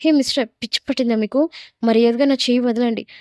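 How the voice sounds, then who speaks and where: A woman's voice: a little high, steady tone, fast, a little mellow, no echo, lightly acted. A woman voicing a spirited young village girl, a student, who scolds sharply and indignantly.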